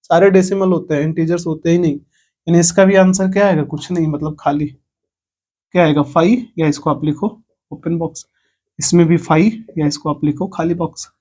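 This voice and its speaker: High-voiced man teaching a maths lesson. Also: steady tone, moderate pace, darkish tone. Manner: explains step by step, asks the class questions. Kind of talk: online lecture.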